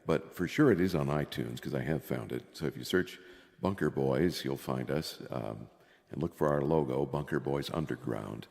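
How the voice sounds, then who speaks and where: A man's voice: rumbling low, normal speed, creaky, a little mellow. An older man hosting a podcast in casual chat, his voice soaked in cave-like reverb. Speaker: podcast host.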